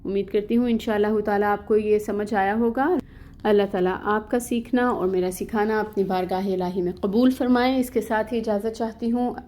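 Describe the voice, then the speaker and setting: A woman with a Pakistani Urdu accent teaching Quranic letter pronunciation in an online lesson, explaining patiently and repeating sounds slowly. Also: mid-range voice, fairly even intonation, warm tone.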